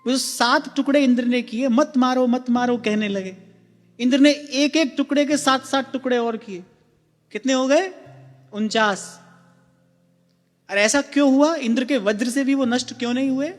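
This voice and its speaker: A man giving a gentle devotional discourse, often repeating himself and putting questions to his listeners. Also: very high-pitched, normal speed, long pauses. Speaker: spiritual discourse speaker. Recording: long hall reverb with faint music.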